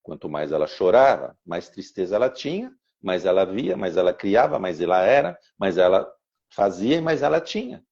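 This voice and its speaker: A man's voice: low voice, sing-song, moderate pace, gravelly, darkish tone. A man teaching on a podcast and telling a personal story, with rhythmic repeated phrases and stammered restarts. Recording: dull lo-fi sound.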